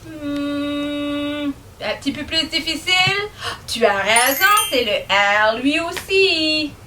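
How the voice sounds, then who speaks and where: Québécois lady teaching little kids, slow and sing-songy, soft room noise behind. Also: sits high. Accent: Québécois French. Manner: slow and sing-song, questioning the children. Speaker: children's teacher. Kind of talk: children's lesson.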